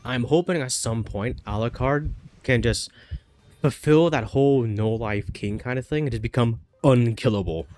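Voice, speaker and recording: Over his gameplay, a male streamer with a stuffy nose from a cold chats casually and works things out aloud, stumbling into fillers and restarts. He has a medium-pitched, slightly mellow voice and a moderate pace.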